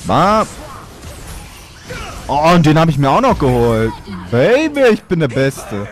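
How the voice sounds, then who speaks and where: Male let's player: slow, lively-pitched, cocky trash-talking gameplay commentary. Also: soft background music. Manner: playful boastful trash talk.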